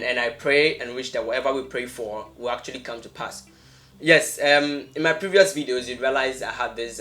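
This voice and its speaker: A man's voice: mid-range voice, bright, forceful tone. A young Ghanaian-accented man hosting a podcast in a casual, conversational way, often repeating phrases for emphasis. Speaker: podcast host.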